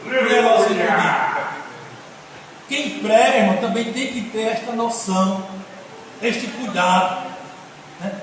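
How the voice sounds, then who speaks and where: A man with a very high voice preaching a sermon in a loose, joking, lively way. The sound is very echoey, with a long hall reverb and faint noise from a mic far off in a church. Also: a little slow, pauses often. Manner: folksy, joking, animated preaching. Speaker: pastor.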